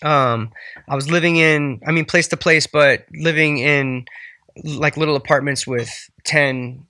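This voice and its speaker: A man in his twenties from the Bay Area, California, a musician guest, tells his story in a laid-back, rambling way during a casual interview chat indoors at a house. His voice is a little high and bright, with a steady, forceful tone and an unhurried pace. The sound is clean studio quality with no room sound.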